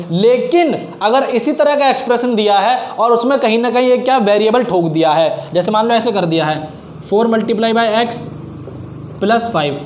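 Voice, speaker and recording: A man teaching math in a casual classroom style, explaining step by step and mixing English math terms into his talk. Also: high-pitched. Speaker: math tutor. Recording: echoey room, faint background noise.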